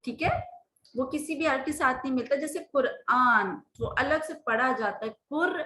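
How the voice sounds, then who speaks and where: A woman's voice: sits high, moderate pace, bright, forceful tone, echoey room, low-quality recording. A woman teaching Urdu letter sounds to beginners, patiently drawing out each sound and checking in with "theek hai". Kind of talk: slow phonics lesson with slides.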